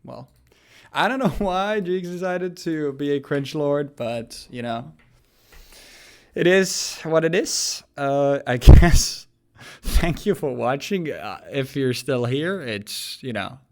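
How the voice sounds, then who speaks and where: A man in his late twenties hosting a casual card game video, joking and rambling as he talks, and going hoarse as he loses his voice. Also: mid-range voice, a little mellow. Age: 20s. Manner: joking, rambling, laughs often. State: losing his voice. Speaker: host. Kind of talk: casual gaming commentary.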